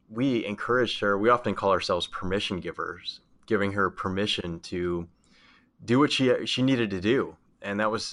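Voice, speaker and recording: A man's voice: on the low side, a bit bright. A man hosting an interview, asking a question hesitantly with restarts and a personal story. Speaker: interviewer and host.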